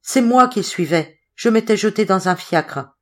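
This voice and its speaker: A woman's voice: animated, moderate pace, natural voice. A woman reading a storybook voices a frantic young woman messenger who arrives out of breath and urgent. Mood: panicked. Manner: gasping, urgent, shrill.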